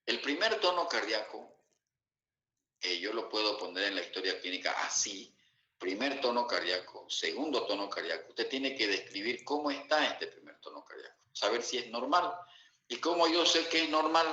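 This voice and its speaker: A man's voice: medium pitch, bright, forceful tone. A man giving a medical lecture to students, often checking in with questions like "are we following?". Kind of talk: classroom lecture. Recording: echoey room, dull lo-fi sound.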